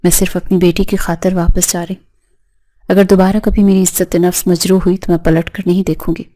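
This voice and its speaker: A woman reading a proud, hurt young mother in a storybook drama. She speaks firmly, with a slight tremble held under control. The voice stays low and even. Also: natural voice. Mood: firm resolve. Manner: firm, reproachful.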